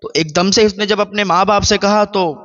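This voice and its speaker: A man's voice: high voice, fairly even intonation, fairly bright tone. A man preaching a sermon, telling a moral story and urging listeners earnestly with repeated phrases. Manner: repetitive, earnest moral exhortation. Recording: dull, muffled recording.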